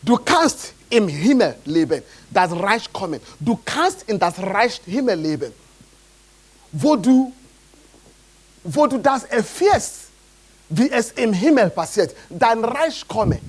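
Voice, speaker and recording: A man's voice: high-pitched, very animated, slow. A man from Nigeria, preaching a sermon as pastor and often checking in with his congregation.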